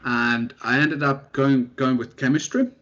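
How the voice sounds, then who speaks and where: A young man from Finland, a postdoctoral researcher telling his story in a relaxed, self-deprecating way as an interview guest. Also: medium pitch, a little slow. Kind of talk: casual interview chat. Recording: dull lo-fi audio.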